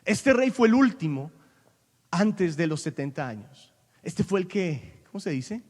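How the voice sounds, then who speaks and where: A man preaching a sermon as pastor, animated and rising to loud peaks, sometimes mixing in English. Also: sits high, unhurried, big-room sound.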